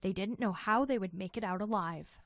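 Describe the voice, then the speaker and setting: A woman's voice: mid-range voice, moderate pace, dry recording. An American woman reading a scripted news story as a television reporter.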